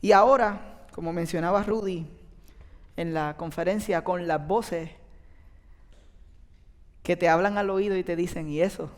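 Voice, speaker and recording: A man's voice: sits high, steady tone, a little slow, long pauses. A man, preaching a sermon in a conversational way and speaking straight to the congregation. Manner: conversational, addresses the audience directly. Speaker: pastor. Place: church auditorium with an audience. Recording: long reverb from a large hall.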